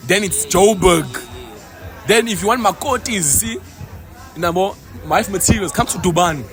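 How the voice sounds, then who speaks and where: A high-voiced young man from the Congo keeps cutting in with playful remarks in a casual street chat. Music plays faintly behind him. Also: fairly bright tone. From Democratic Republic of the Congo. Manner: playful, quick to cut in. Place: city street outdoors at night.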